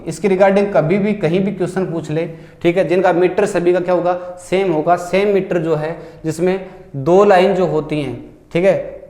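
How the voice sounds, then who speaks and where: A male teacher, giving an exam-prep lecture. He keeps asking the class questions and answering them himself, and he reads English question text out slowly, word by word. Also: sits high, a little mellow, echoey room.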